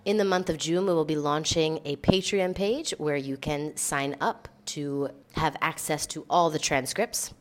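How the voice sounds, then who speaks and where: A low-pitched woman from Maryland, USA, hosts a podcast, talking slowly with few pauses. Her casual chat mixes Spanish and English, with English words tossed into her Spanish.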